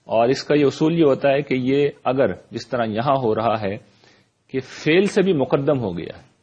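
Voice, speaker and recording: A man teaching an Arabic grammar lesson, explaining step by step and reciting verb forms and verses slowly. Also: medium pitch, expressive, darkish tone, breathy edge, lo-fi sound. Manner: checks in with "right?". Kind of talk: classroom lecture.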